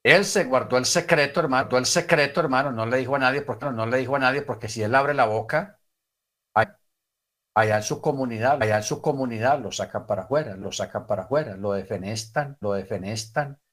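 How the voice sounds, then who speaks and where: A man's voice: medium pitch, brisk, a bit bright. A man telling a story as a preacher, repeating each phrase with sudden emphatic bursts. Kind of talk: storytelling sermon.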